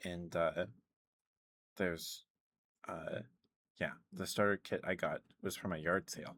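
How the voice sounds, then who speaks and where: Low-voiced man rambling casually. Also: steady tone, takes it slowly, fairly bright tone, no echo. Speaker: ASMR live streamer. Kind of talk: casual ASMR rambling to chat.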